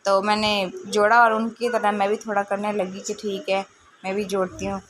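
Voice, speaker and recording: A woman's voice: medium pitch, flat delivery, moderate pace, a bit bright, slight background noise. A woman in her thirties, a mother, narrating her home footage in a casual, amused, chatty way. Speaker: family vlogger.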